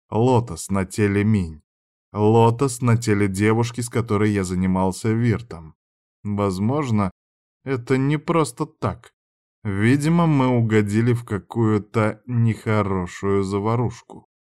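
A man narrating a first-person audiobook with an even, dramatic storytelling delivery. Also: lowish voice, a little slow.

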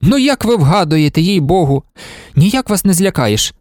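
A man's voice: medium pitch, lively intonation, normal speed, darkish tone, no room sound, studio quality, lightly acted. A man reading an audiobook, voicing a cheeky young male accountant who teases in familiar banter. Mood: teasing.

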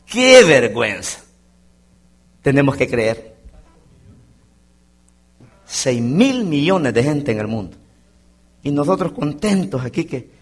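A man preaching a sermon as a pastor in a church, swinging between loud exclamations and quiet asides. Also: medium pitch. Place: church sanctuary.

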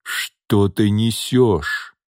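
A man reading an audiobook, voicing a jealous, cowardly old man who is hoarse and out of breath. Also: on the low side, extremely slow, no echo, studio quality. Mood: desperate. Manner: wheezing, despairing.

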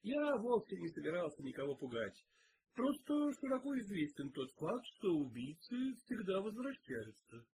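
A man's voice: sits high, sing-song, moderate pace, darkish tone, a little hiss or hum, pitched above the performer's own voice. A man reading aloud and voicing a brash, teasing young male detective in a raised voice. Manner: cheeky, teasing.

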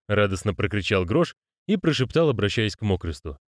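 A man narrating an audiobook in a measured storytelling manner, voicing the characters. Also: fairly low pitch, sing-song, no echo, studio quality. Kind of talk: scripted narration.

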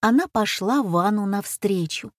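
A woman's voice: medium pitch, lively intonation, unhurried, dry recording, studio quality. A woman reading an audiobook as its narrator.

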